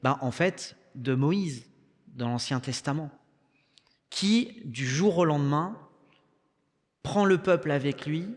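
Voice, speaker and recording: A young man with a French accent preaching a sermon in a conversational way, with joking asides. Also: fairly high pitch. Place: church hall. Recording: long church reverb.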